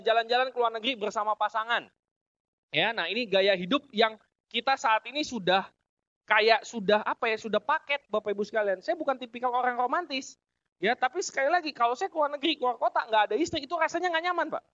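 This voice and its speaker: High-voiced joking Indonesian man speaking. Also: fairly bright tone, no room sound. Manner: joking, chuckles at his own punchlines; addresses audience as "Bapak Ibu sekalian". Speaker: business seminar speaker. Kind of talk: motivational talk to an audience. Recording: dry, dull lo-fi audio.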